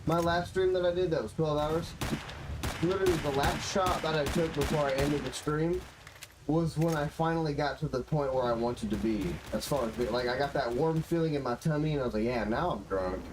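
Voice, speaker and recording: Fairly high-pitched and a little fast, a nasal-sounding man streams a game, cursing and muttering in loose, rambling commentary. Behind him you can hear the game's gunfire and ambient sound.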